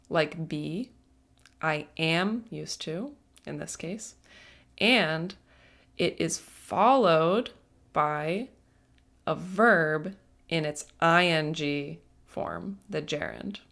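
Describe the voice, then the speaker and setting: A woman teaching an English grammar lesson, speaking patiently and deliberately and stressing each word. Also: deep voice, a bit bright. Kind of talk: slow, careful grammar lesson.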